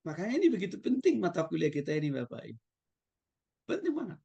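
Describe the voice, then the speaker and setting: A man who is a pastor, lecturing at a Bible school in an animated way and often addressing his listeners directly. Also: a little high, fast talker, gravelly, slightly rough, muffled recording. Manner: animated, demonstrates tones of voice, addresses the audience often. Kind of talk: theology lecture.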